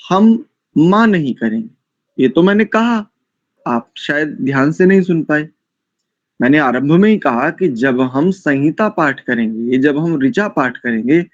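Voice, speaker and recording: A man's voice: on the high side, no echo, lo-fi sound. A man with a Hindi accent teaching Vedic mantra pronunciation in an online class, breaking words into syllables and repeating them. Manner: slow, syllable-by-syllable pronunciation drills. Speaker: Sanskrit chanting teacher.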